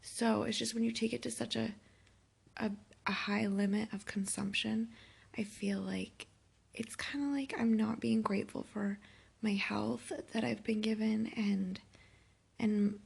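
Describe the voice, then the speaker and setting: Woman in her thirties, hungover and sick, heavy gravelly vocal fry, husky, weary halting confessional vlog talk. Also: mid-range voice, steady tone, darkish tone. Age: 30s. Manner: weary, self-reproachful, halting. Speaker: vlogger. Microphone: phone held by herself.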